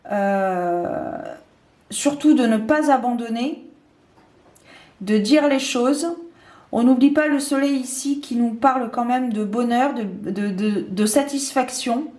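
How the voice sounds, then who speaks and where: Lady doing a tarot reading, kinda high voice, lots of euhs and restarts, echoey room. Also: darkish tone. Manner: hesitant, many fillers and restarts. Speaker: tarot card reader. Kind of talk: casual tarot reading to camera.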